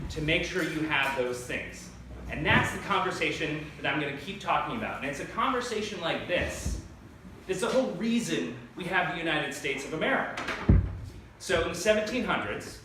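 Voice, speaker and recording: A man in his thirties leading a youth workshop, talking in an energetic, playful, conversational way. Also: on the high side, moderate pace, background noise. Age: 30s. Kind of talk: lively talk to a youth audience. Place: large echoey hall. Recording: echoey hall recorded from far off.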